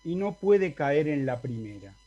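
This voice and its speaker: Slow, mellow-voiced male Latin teacher. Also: on the high side, sing-song. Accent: Argentine Spanish. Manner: explanatory, asks the class for confirmation. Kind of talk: online lecture. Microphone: video call.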